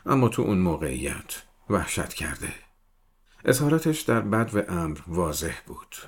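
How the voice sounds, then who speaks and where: A man reading a crime novel aloud as an audiobook narrator, in a measured storytelling delivery. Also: deep voice.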